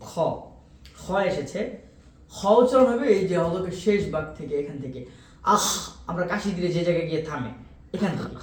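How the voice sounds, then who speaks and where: A high-pitched man with a Bangladeshi Bengali accent leads a pronunciation lesson, repeating each Arabic letter sound several times and checking in with his students. His voice rings in a roomy, echoing space. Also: big pitch swings. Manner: repeats Arabic letter sounds slowly, explaining mouth positions; often checks in with "okay?". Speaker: Quran recitation teacher.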